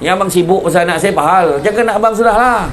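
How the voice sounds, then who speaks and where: A man's voice: high voice, racing, a bit bright, some chatter behind. A man with a Malaysian Malay accent acting out a defensive parent who curtly brushes off a neighbour. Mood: dismissive.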